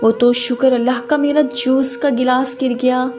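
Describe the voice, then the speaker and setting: A woman's voice: high-pitched, flat delivery, darkish tone, soft background music, close to an everyday voice. A woman voicing a wronged young woman who scolds angrily in a read-aloud story. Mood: alarmed, angry. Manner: angry, scolding.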